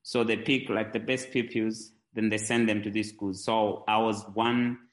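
Male podcast guest from Zambia, low pitch, unhurried anecdotal delivery. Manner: relaxed storytelling with fillers and restarts. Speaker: guest, tech entrepreneur. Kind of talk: conversational interview.

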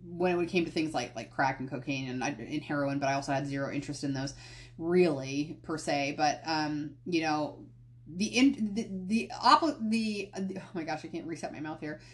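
Low-voiced and talking at normal speed, this adult American woman, past college age, rambles candidly on her casual solo podcast, frequently correcting herself as she goes.

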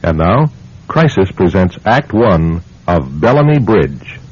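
A man's voice: low-pitched, sing-song, slow, husky, full character voice. A man acting as the solemn, dramatic narrator of a vintage radio horror tale. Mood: solemn, foreboding. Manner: solemn, dramatic, ominous storytelling. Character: grave male narrator of a radio terror tale. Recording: dull vintage radio sound, music behind.

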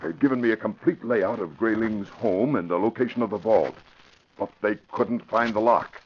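A lowish voice at normal speed, only lightly acted, gives life to a grave, urgent American police commissioner, earnest and authoritative, in an old radio drama. The vintage recording is muffled and lo-fi, with slight background noise.

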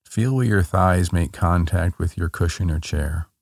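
A man guiding a body-scan relaxation in a calm, meditative tone, gently giving short soothing instructions. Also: deep voice, measured pace, vocal fry, no room sound, clean studio sound. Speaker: meditation guide.

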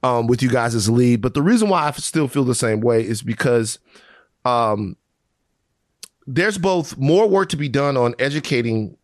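A male podcast host chats in a joking, self-mocking way, his voice at an ordinary middle pitch. The sound is close and dry, with no room around it. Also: lively intonation, normal speed, dry recording. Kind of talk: podcast conversation.

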